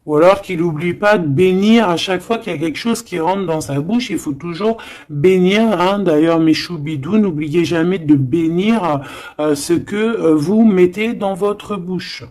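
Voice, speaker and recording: A woman's voice: fairly low pitch, measured pace, darkish tone. A woman giving a tarot card reading, chatty and emphatic, with frequent hesitations and asides. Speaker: tarot reader.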